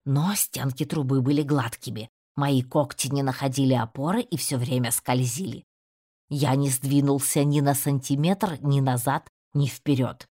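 A woman narrating an audiobook in a steady, even storytelling manner. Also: extremely low pitch, moderate pace. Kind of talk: scripted narration.

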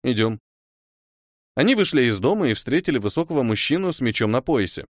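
Brief: male narrator, lively expressive storytelling, mid pitch, dry close mic. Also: fast, no echo. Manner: animated, expressive reading. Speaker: audiobook narrator.

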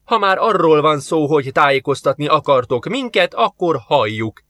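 A man's voice: a little high, lively intonation, a bit bright, no room sound, pitched above the performer's own voice. A man voicing a blunt male human envoy in an audiobook, firm and demanding.

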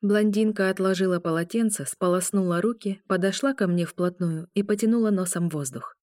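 A woman narrating a first-person audiobook in a steady, even storytelling voice. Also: mid-range voice, fairly quick, no echo, clean studio sound.

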